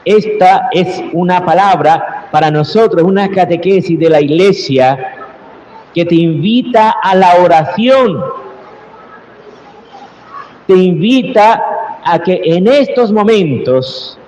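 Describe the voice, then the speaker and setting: A man preaching a homily in a fairly high voice, taking his time over every phrase and lifting into loud cried-out prayers. The long reverb of a big church hangs on each word, with a faint room hum underneath. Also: expressive. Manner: slow, earnest preaching that swells into cried-out prayers. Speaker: priest. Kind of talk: Sunday homily. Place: large echoing church.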